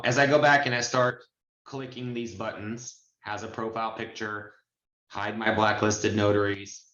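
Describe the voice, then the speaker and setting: A male notary trainer and signing agency presenter leads an informal screen-share training walkthrough indoors on a group video call, explaining things step by step and addressing listeners directly. His voice is lowish in pitch yet pushed and bright. The call sound is muffled and reverberant.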